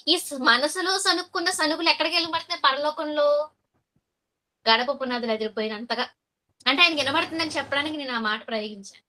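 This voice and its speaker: A woman preaching a sermon, asking her listeners questions and answering them, and reading verses slowly. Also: sits high, bright, forceful tone. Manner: reads verses slowly and deliberately.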